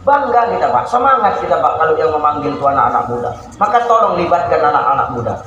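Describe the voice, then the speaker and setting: A man giving a humorous sermon to a congregation, lively and jokey, often calling out to the men listening. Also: a little high, fast, dull audio. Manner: lively, jokey, addresses the audience as "Pak". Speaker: preacher. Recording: echoey hall with faint background noise.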